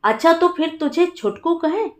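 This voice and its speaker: A woman's voice: very high voice, expressive, moderate pace, voice pushed up. A woman playing a stern old village mother-in-law. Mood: bossy. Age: older. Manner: scolding, old-fashioned village speech.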